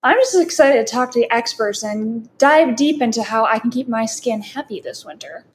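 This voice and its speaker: A woman with a somewhat high voice hosting a podcast. She lays out her questions clearly and explains things for a general audience. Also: animated, moderate pace, a little hiss or hum. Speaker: podcast host.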